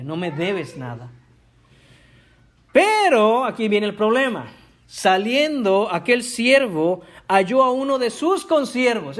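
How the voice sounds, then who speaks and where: High-voiced man preaching a sermon. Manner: emphatic preaching, addresses the congregation directly. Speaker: pastor. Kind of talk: Spanish-language sermon. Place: church.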